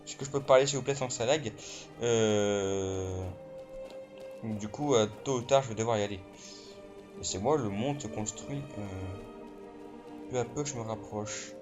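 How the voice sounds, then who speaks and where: A man giving casual let's play commentary while he plays, excitable, full of fillers and swearing. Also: fairly low pitch, measured pace, pauses often. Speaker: gamer. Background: game music.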